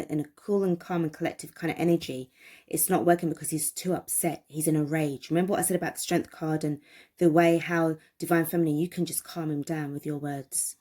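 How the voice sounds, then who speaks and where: A woman's voice: on the low side, a little mellow. A woman giving a tarot reading, talking emphatically, repeating phrases and asking viewers questions. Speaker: tarot reader.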